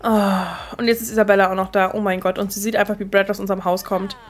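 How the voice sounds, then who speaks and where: A woman hosting a let's play, chatting casually and excitably as she talks to her game characters and her viewers. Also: mid-range voice, fast talker. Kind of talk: casual gameplay commentary.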